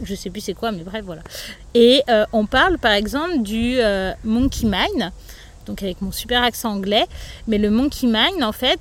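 A woman with a fairly high voice talks loosely in a podcast interview, her sentences full of fillers and restarts. She speaks as a yoga teacher explaining her practice to the host. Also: a bit bright. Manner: loose, chatty, many fillers.

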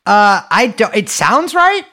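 A man co-hosting a podcast from his bedroom at home, rambling through deadpan jokes in casual chat. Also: sits high, slow pace. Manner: rambling, jokey, deadpan absurd bits. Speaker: podcast co-host.

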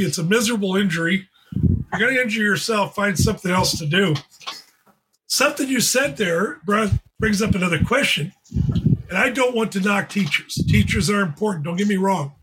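A man's voice: sits high, fairly bright tone, a little hiss or hum, poor audio. A man in his seventies hosting a podcast, talking casually and joking as he asks pointed questions. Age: 70s. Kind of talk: casual chat.

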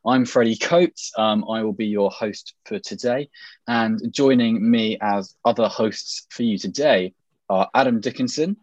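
A man's voice: fairly low pitch, a little slow, a little mellow, no room sound. Modern British RP man hosting, dry dull recording. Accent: British Received Pronunciation. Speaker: podcast host. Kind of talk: casual podcast presenting.

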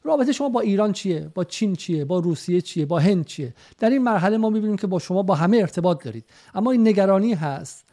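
A man's voice: sits high, expressive, warm tone. A man asking direct, insistent questions as an interviewer.

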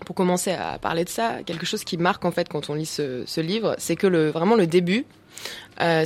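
A young woman hosting a casual radio talk show, chatting about a book and interviewing a guest, with frequent fillers and restarts. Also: fairly low pitch.

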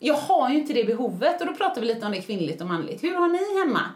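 A woman's voice: on the high side, very animated, background noise. Chatty woman podcaster in an echoey room. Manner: chatty, self-mocking, laughs often. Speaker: podcast co-host. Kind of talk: casual chat.

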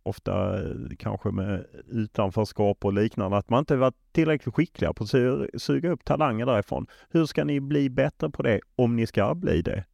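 Male interviewer with medium pitch, very dry sound. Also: creaky, few pauses, darkish tone, dry recording. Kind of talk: conversational interview questioning.

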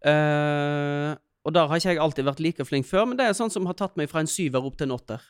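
A man in his thirties, a podcast guest, telling stories in an animated way in casual chat. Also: fairly high pitch, smooth, no room sound, studio quality. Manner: animated, laughing storyteller.

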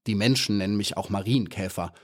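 A man's voice: on the low side, brisk, close to an everyday voice. A man doing a pompous little ladybird poet. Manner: grandiose, self-important, theatrical.

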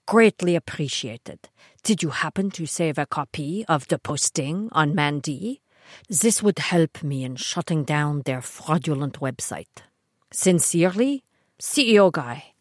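A woman's voice: low-pitched, expressive, unhurried, dry recording, studio quality. A woman voicing a polite, formal male company executive in a put-on accent.

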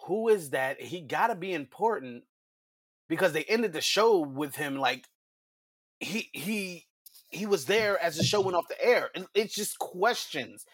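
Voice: mid-range voice, animated, unhurried, husky, no echo, clean studio sound. A podcast co-host breaking down a wrestling segment step by step in casual chat. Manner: explanatory, builds points step by step.

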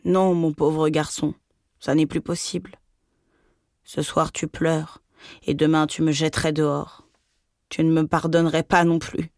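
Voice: medium pitch, steady tone, normal speed, no echo, studio quality, natural voice. A reader voicing a middle-aged mother, weary and pleading in her shame. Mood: sorrowful.

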